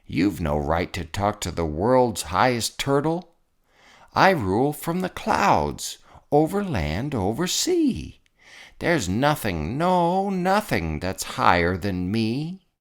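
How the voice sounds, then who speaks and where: Storyteller acting a boastful turtle king, picture-book character, slow grand delivery, swooping pitch, bellowing, bossy. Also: sing-song. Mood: indignant. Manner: pompous, bellowing, commanding.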